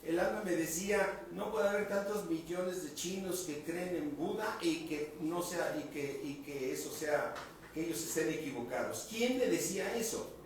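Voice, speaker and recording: A man's voice: a little high, background noise. Distant, echoey male pastor preaching. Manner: asks the congregation questions and repeats key words. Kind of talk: sermon. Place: church hall.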